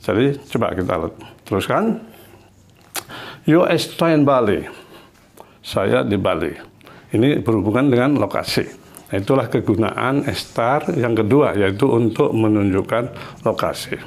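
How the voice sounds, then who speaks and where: A man teaching a Spanish lesson in a classroom. He explains slowly and patiently and repeats each example. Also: on the low side, creaky, a little mellow.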